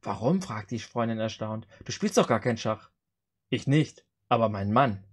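A man's voice: lowish voice, moderate pace, slightly rough. A man hosting a joke challenge on a video call, reading out short jokes and acting out their dialogue. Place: indoor room on a video call.

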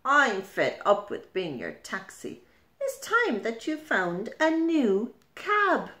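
A grumpy crab from a picture book, acted out by a woman, guards his shell jealously. The delivery is bossy and very slow, with big swings in pitch and some room echo. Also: huge pitch swings, sharp tone, heavily acted. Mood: fed up. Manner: bossy, emphatic. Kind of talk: storybook character voice. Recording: roomy indoor echo.

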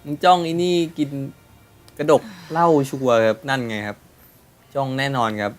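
A young man running a relaxed let's play, tossing out crude jokes and reading the characters' lines aloud himself. His pitch sits mid-range for a man, and clear game music plays underneath him the whole time. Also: moderate pace. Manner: joking, crude banter, reads game dialogue aloud. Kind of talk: casual game commentary.

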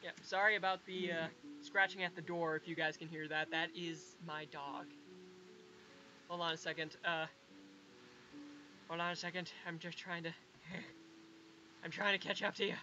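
A man hosting a gameplay video, chatting casually and often pausing to say hold on a second. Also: a little high, steady tone, lo-fi sound, music in the background. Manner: halting, keeps saying to hold on.

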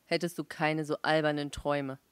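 A woman's voice: low-pitched, level tone, moderate pace, clear, resonant tone, no room sound, pitched below the performer's own voice, natural voice. A woman voicing an irritable, dismissive Martian husband who answers curtly and scoffs at his wife. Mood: scoffing. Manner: curt, scoffing.

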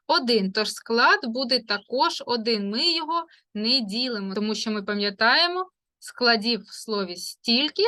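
A woman teaching young children, taking her time and drawing out each sound. Her voice is bright and a little high. She slips into a sing-song lilt for short rhymes. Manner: sing-song rhyming greetings, drawn-out sounds and syllables. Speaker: primary school teacher. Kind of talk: slow, careful literacy lesson for young children.

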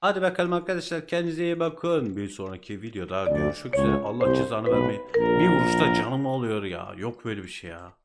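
A young man with a Turkish accent hosts a gaming channel, delivering casual let's-play commentary with frustrated outbursts and exclamations. His medium-pitched voice is lively in intonation and brisk in pace. Loud game music plays behind him.

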